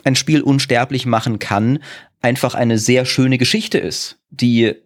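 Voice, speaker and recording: A man in a podcast discussion, arguing in an animated, lively way with restarts. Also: medium pitch, measured pace.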